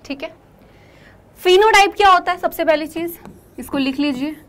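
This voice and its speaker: A woman's voice: very high-pitched, normal speed, a bit bright. A young woman teaching a class, asking her students questions and then answering them herself, and repeating the key terms.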